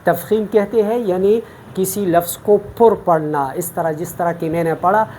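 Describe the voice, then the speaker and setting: A woman's voice: lowish voice, fairly even intonation, dark tone, slight background noise. A woman from Pakistan teaching Quran recitation in an online lesson, explaining each rule patiently, step by step.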